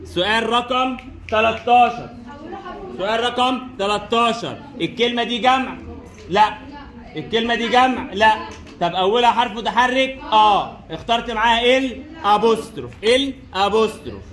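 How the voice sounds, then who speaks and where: A high-pitched man with an Egyptian Arabic accent runs a classroom lesson, repeating every question and answer as he quizzes students. His voice rings around an echoey room. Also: animated, normal speed, a bit bright. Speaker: French teacher.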